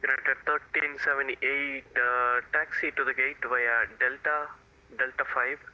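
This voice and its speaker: A man's voice: medium pitch, flat delivery, measured pace. A man working as an air traffic controller, giving clipped procedural instructions over the radio. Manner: clipped aviation phrases. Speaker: air traffic controller in online flight simulation. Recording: band-limited, tinny radio channel.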